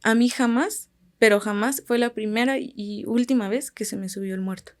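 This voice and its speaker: Softly trailing Mexican woman storyteller. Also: a little high, moderate pace. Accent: Mexican Spanish. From Guerrero, Mexico. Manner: calm, often trailing off quietly at phrase ends. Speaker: podcast guest. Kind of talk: casual storytelling.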